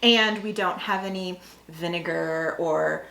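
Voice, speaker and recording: A woman's voice: on the low side, takes it slowly, gravelly, a loud crowd. An American woman chatting casually and enthusiastically as she reviews food on a vlog. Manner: enthusiastic, exclaiming. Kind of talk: casual taste-test chat. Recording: echoey room.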